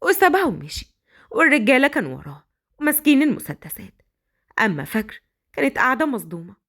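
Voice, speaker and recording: A woman with an Egyptian accent narrating a dramatic story in an expressive way. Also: high voice, fast talker. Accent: Egyptian Arabic.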